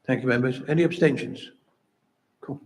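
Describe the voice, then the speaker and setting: A man chairing a council meeting, calling votes in a measured, procedural way. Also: mid-range voice, a little mellow, low-quality recording.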